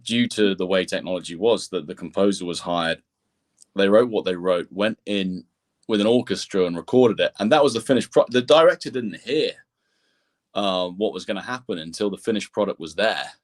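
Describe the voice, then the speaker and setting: A composer and sound engineer, appearing as an interview guest, explains things at length in a low voice at normal speed. He frequently restarts his sentences and repeats words along the way.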